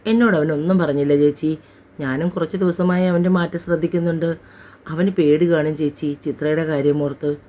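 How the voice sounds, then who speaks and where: A woman's voice: deep voice, fairly even intonation, a little fast, mellow, natural voice. A woman narrator voicing a caring, faithful older mother in an audio story. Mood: worried.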